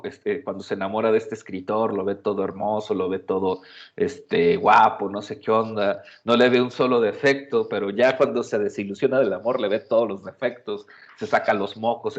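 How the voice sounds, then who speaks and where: A middle-aged man, giving a university lecture in a conversational way, full of fillers and tag questions. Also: on the low side. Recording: dull lo-fi audio.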